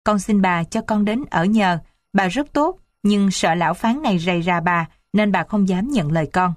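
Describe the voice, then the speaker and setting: A woman's voice: medium pitch, animated, normal speed, dry recording, studio quality, lightly acted. A woman voicing an upset young daughter who insists on leaving home. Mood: insistent.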